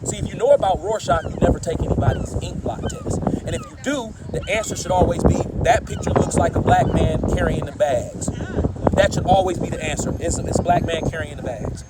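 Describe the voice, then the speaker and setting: A man's voice: high-pitched, huge pitch swings, a little fast. A man preaching heatedly to a passerby outdoors, firing off rhetorical questions and profanity. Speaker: street preacher. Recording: loud wind noise on the mic.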